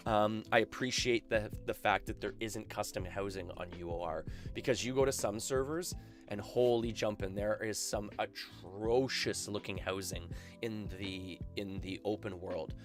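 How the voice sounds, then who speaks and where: A Canadian man chatting casually on his live game stream through a headset, full of fillers and laughs. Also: lowish voice.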